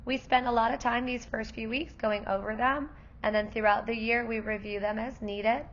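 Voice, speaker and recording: At parent night, a woman kindergarten teacher goes over class details for parents in a warm, explanatory way, though her voice is giving out. It sits on the high side, gravelly and worn, with fairly even intonation and a moderate pace, and the audio sounds dull.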